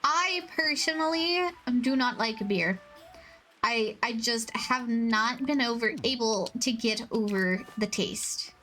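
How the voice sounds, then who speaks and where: A woman's voice: fairly high pitch, slow, slight background noise. A woman streamer chatting casually with her chat while playing a game, rambling and self-mocking, often laughing at her own jokes. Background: soft background music.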